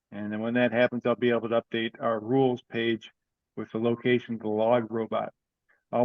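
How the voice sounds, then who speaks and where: A man presents an unscripted, informal update at an online meeting for an amateur radio group, speaking in a plain, conversational middle-pitched voice. He talks haltingly, thinking aloud, and the video-call audio is slightly dull and dry, from a close room.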